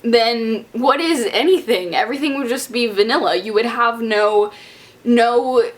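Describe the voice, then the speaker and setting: A woman's voice: fairly high pitch, a little slow. Young woman vlogging, bubbly and chatty, goofing around answering viewer questions. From Southern US. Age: young adult. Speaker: beauty vlogger. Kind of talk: casual Q&A vlog.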